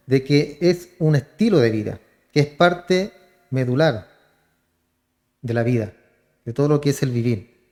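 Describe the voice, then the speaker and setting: Chilean pastor guy preaching, kinda high voice, keeps asking the church questions. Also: a little mellow. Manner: calls the congregation brother, asks rhetorical questions. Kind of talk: sermon.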